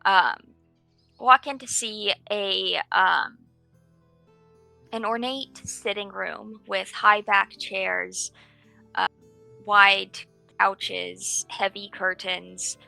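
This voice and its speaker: A woman narrating a tabletop game as game master, setting scenes in an unhurried, descriptive way. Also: medium pitch, steady tone, gravelly, pushed and bright, soft background music, poor audio.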